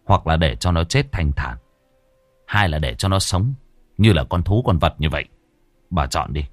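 A man voicing a stern male exorcist who scolds in a gruff, commanding way. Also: low-pitched, dry recording, voice pushed down.

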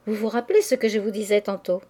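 A woman reading the part of an ambitious young man who speaks softly and coaxingly, with a cool edge. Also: medium pitch, fast, lightly acted. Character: smooth-talking ambitious young man, cold.

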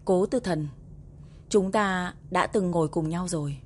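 A woman voicing a stubborn, playful young wife in a romance audiobook, in a low, mellow tone. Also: unhurried, slight background noise, close to an everyday voice. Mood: tender. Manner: playful, teasing.

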